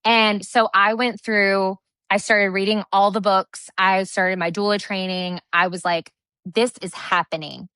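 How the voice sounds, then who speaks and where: A woman in her thirties, a podcast guest telling a personal story in a lively, chatty way, often saying "like". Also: medium pitch, unhurried, smooth, no echo. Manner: animated, lively storyteller who acts out quoted dialogue, many fillers like "like". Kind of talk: casual storytelling interview.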